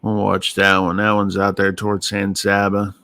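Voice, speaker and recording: A man giving casual live weather radar commentary as an amateur streamer, thinking aloud in short, halting phrases. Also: lowish voice, monotone, vocal fry, sharp tone, no room sound. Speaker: amateur storm-watching livestream host.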